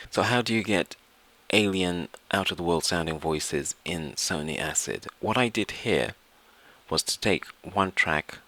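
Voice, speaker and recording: In a low-pitched voice, a man explains software one step at a time, repeating himself and rephrasing lines often throughout the tutorial.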